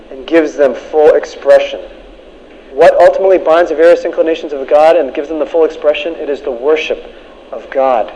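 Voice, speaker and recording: A man's voice: on the high side, a little mellow. A male preacher delivering a sermon emphatically, repeating key lines for the congregation. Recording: dull lo-fi recording.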